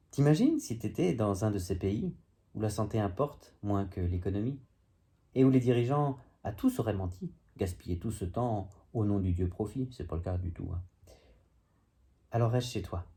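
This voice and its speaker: A man's voice: fairly low pitch, a little mellow. A man at home reading his own humorous poem, with self-mocking asides between the verses. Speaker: amateur poet reciting his own poem. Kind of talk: casual home video poetry reading. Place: at home, indoors.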